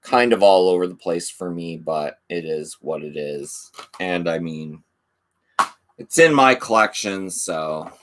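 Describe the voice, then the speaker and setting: While showing off his DVD collection on a casual channel, a man reads the covers aloud and says he's losing his voice. His relaxed asides come at a measured pace, with a little hiss or hum behind them.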